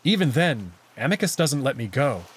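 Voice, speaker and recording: In a husky, mid-pitched voice, a man reads a visual novel aloud from a first-person perspective at normal speed. His narration is expressive, with lively shifts in pitch.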